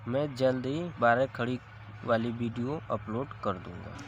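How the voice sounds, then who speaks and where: A man teaching a Hindi alphabet lesson, slowly repeating each syllable as a drill. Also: mid-range voice, dull audio, slight background noise. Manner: slow, repetitive drilling, drawing out each syllable.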